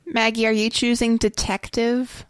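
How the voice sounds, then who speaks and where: Wry teasing woman gamer, talks slow, higher pitch. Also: level tone, smooth. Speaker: player. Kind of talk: casual tabletop game chat.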